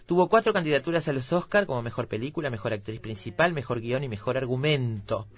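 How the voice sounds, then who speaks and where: Male film show host, mid-pitched, reads summaries steadily. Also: expressive. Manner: measured, informative reading.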